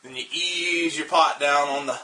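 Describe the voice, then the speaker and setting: A man with a Southern US accent giving a casual how-to demonstration of a homemade stove, relaxed and rambling, with lots of uh and um fillers. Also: on the high side, moderate pace. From Southern United States. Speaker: outdoor gear hobbyist demonstrating a stove.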